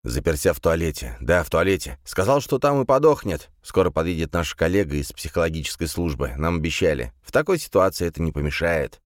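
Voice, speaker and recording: A man's voice: sits low, animated, a little fast, few pauses, no echo, clean studio sound. A man doing a weary, repetitive country gendarme. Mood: admonishing. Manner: repeats himself, mechanical and admonishing. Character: weary middle-aged male gendarme, repetitive and fussy.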